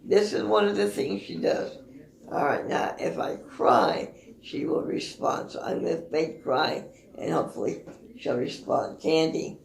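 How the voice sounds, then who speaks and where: A woman calmly explaining her service dog's tasks in casual talk, halting often with fillers and restarts. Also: deep voice, creaky, echoey room. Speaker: service dog owner.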